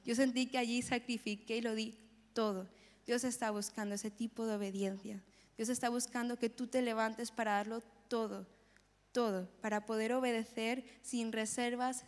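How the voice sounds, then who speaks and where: Young woman, earnest sermon, emphatic repetition, high voice, church hall reverb. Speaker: preacher. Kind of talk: sermon with personal testimony.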